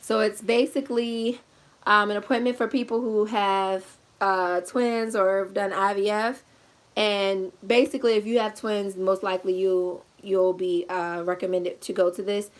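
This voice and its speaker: A young woman talks to her viewers at home in a loose, rambling way, sounding tired and a little short of breath. She calls her audience y'all and laughs between sentences. Her voice carries a medium pitch, and the camera picks her up from a short distance. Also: level tone, a little slow. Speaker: vlogger. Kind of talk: casual pregnancy update vlog. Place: indoors at home, seated in a chair. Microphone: camera set at a distance.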